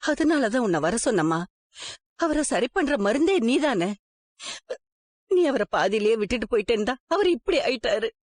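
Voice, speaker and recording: A middle-aged actress playing a gentle, worried mother who soothes her sick husband and pleads with their daughter in a TV serial. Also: a little high, very animated, moderate pace, no room sound. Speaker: wife and mother. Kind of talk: TV serial acting.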